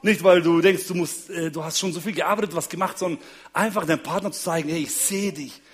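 A man's voice: a little high, steady tone, fast talker. A man giving a humorous talk on marriage to an audience, telling stories about his wife and kids and checking in with listeners as he goes. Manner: keeps checking in with listeners, chuckles often. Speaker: speaker on marriage and relationships.

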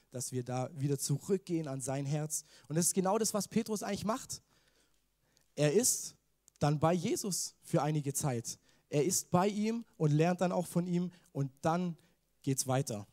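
A man's voice: fairly high pitch, darkish tone. A man preaching a casual sermon. He talks in a chatty way, mixes in English slang and keeps asking the listeners questions. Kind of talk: informal youth sermon.

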